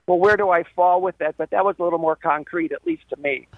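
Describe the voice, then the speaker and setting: A man's voice: high-pitched, fast talker, no echo. A man calling in to a radio talk show over a phone line, speaking hesitantly with fillers and restarts. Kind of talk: casual call-in chat. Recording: muffled lo-fi phone call.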